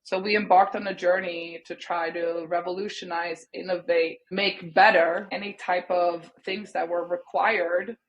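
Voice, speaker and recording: A Swedish woman in her thirties, speaking her native Swedish, joins a casual interview by video call from indoors at home. Her low voice is flat and a little slow with few pauses, and she talks thoughtfully, hedging a lot with "sort of" and "kind of." The highs are cut off.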